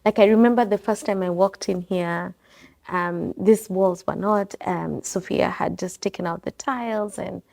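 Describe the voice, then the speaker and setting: Speaking at a normal speed with a mid-range, darkish voice and some vocal fry, a woman from Kenya keeps her tone steady. She owns a bookstore with a coffee bar and is being interviewed there in a relaxed conversation, reflecting aloud as her thoughts wander and she revises them.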